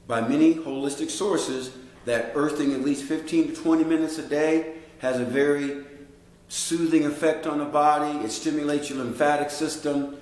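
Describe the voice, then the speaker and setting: A man's voice: mid-range voice, darkish tone. Man, middle-aged, folksy health coach talk, very echoey room. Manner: folksy, direct, addresses listeners as guys. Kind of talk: educational monologue.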